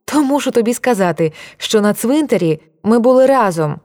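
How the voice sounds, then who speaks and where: A woman's voice: fairly high pitch, animated, normal speed, warm tone, pitched above the performer's own voice, natural voice. A woman voicing an impatient young woman who answers in a brusque, mocking way.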